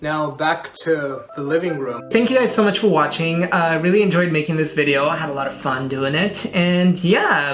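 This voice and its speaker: A young man from Mexico hosting a casual cooking vlog in his home kitchen, explaining each step in a relaxed, friendly way. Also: on the high side. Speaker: cooking channel host.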